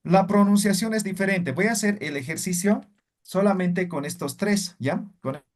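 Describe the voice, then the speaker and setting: A man's voice: high voice, normal speed, darkish tone. A man teaching a language class, explaining sounds and demonstrating them aloud, checking in often with short questions. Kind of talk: online language lesson.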